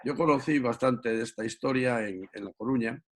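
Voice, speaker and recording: A man from a naval league speaking up in an online question session, giving effusive praise and pausing often. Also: medium pitch. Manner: warm, effusive praise with pauses. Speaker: audience member from a naval league.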